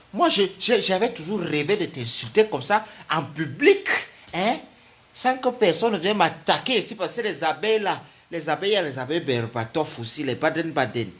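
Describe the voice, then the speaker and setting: A man's voice: sits high, a bit bright. A man, delivering a comic, mocking rant as a vlogger, full of insults and laughter. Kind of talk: comic ranting monologue.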